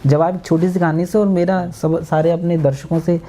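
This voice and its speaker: A man with an Uttar Pradesh Hindi accent is a guest on a podcast interview, telling stories and acting out voices with animation. His voice is fairly high and moderately paced, with slight background noise.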